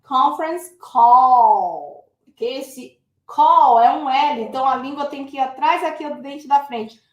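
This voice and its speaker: Teacher, woman, high voice, chatty and direct with viewers, echoey room. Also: normal speed, lo-fi sound. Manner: lively, addresses viewers as "gente". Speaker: English teacher. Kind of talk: casual online English lesson.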